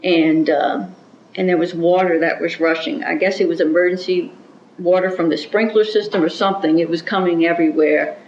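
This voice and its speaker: A woman's voice: on the low side, steady tone, a little mellow, slight background noise. A woman recalling events in a roomy recording. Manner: measured and reflective, with small restarts. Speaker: interviewee. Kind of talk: oral history recollection. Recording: roomy, dull-sounding recording.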